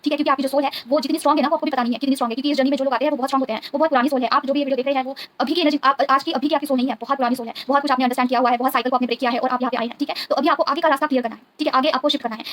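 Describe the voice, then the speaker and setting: A woman tarot reader giving an earnest, devout spiritual talk to her viewers, often checking in with a quick "okay?". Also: high voice, a bit bright. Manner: devout, keeps asking the listener "okay?".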